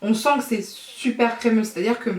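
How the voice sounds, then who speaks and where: A woman's voice: on the high side, normal speed. A woman vlogger talking through a makeup tutorial, chatty and thinking aloud with fillers and asides. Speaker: beauty vlogger. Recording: echoey room, mic at a distance.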